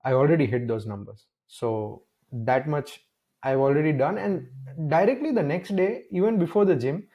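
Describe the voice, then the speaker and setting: Speaking at a normal speed in a slightly high voice, this young man from India is a guest in a relaxed, conversational interview. He spins lively stories, voices little exchanges between characters, and keeps restarting what he's saying.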